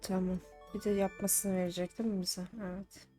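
A woman's voice: mid-range voice, little pitch movement, a little fast, dark tone. A young woman streaming a farming game, chatting to the characters and bursting into exasperated complaints. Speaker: gaming streamer. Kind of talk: live let's-play commentary. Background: faint game music.

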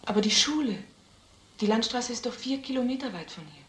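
This actress's voice sits on the high side, a bit bright and fairly quick, with lively intonation, as she portrays a guarded village single mother, hesitant and wary, in crime drama dialogue. It comes from a noisy, echoey old German crime film of the mid-century.

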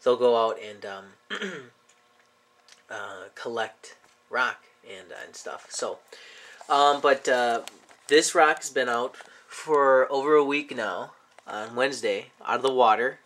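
An aquarium hobbyist with a cold does a casual show-and-tell vlog indoors at home, hesitating with many ums and restarts. He speaks slowly, in a medium-pitched, fairly bright voice.

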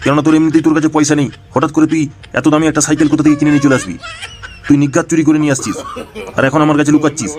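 A man voicing a hot-tempered, protective old grandfather in a cartoon, scolding and shouting. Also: a little high, fairly even intonation, rapid-fire, lightly acted. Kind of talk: cartoon voice dubbing.

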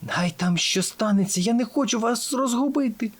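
A man voicing a brave female desert creature in a storybook, with high squeals and urgent whispers. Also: moderate pace. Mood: whispering.

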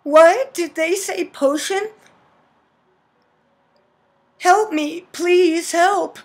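A man voicing a frightened young woman in a game, in a put-on high female voice, breathless and pleading. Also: slow, creaky, fairly bright tone, exaggerated voice. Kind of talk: game dialogue read aloud.

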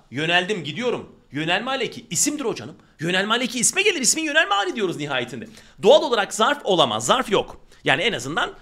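A man teaching a grammar lesson, talking straight to his students in an emphatic, animated way. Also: sits high. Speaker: Turkish teacher.

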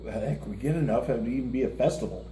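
Sitting at a table in front of a lit curtain, a middle-aged co-host of a music reaction show chats casually, his humor blunt and self-mocking. His voice is medium-pitched and mellow but racing, recorded in a roomy room with a faint hiss.

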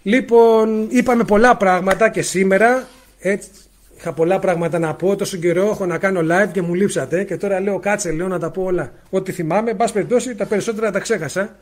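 High-pitched male spiritual teacher, talking loud and emphatic over a bad mic on a live stream. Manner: loud, emphatic, asks rhetorical questions. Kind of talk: livestream talk. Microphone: faulty mic, spoken loudly into it.

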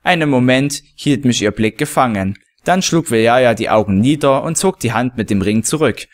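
A man reading a first-person adventure story aloud, with a mid-pitched voice. He narrates at an even, steady pace. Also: normal speed. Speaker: reader of a fan story.

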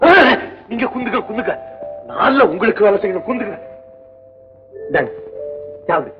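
Naive young shepherd guy, excitable country dialect, high pitched, faint music behind in an old movie track. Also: normal speed. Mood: humble, fussing. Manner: broad village dialect, simple and excitable. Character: naive rustic young male shepherd, humble and guileless. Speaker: actor. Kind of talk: 1960s film acting. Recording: muffled old film soundtrack with music.

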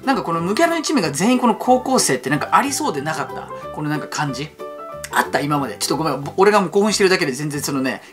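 Male fan-channel host, excitable, rattles on fast with a lively bouncing voice, music bed underneath. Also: fairly high pitch. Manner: excitable, rapid-fire talking. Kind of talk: excited reaction commentary.

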